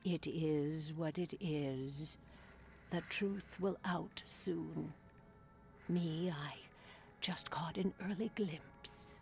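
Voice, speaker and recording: Creaky, slow fortune-telling woman. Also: low-pitched, soft background music, exaggerated voice. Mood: cryptic. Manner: slow, hushed, dramatic fortune teller's delivery. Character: mysterious fortune-telling woman in a bar, sly and cryptic. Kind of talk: video game character acting.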